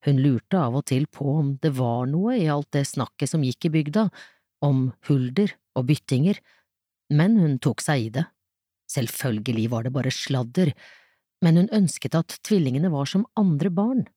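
Mellow, measured storybook narrator. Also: medium pitch, animated, no echo, clean studio sound.

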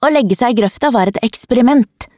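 A bold, teasing young schoolgirl who loves to surprise people, put on by a woman reading a storybook. She speaks brisk and sure of herself, in a raised, bright voice with a dark warm undertone. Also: on the high side, expressive, no echo, clean studio sound, pitched above the performer's own voice, natural voice. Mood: self-assured.

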